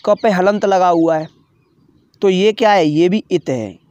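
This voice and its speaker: Slow, patient grammar teacher. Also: medium pitch, a little mellow, no echo, lo-fi sound. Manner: asks rhetorical questions, then answers them; repeats key terms patiently. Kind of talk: online grammar lesson, explaining from a screen.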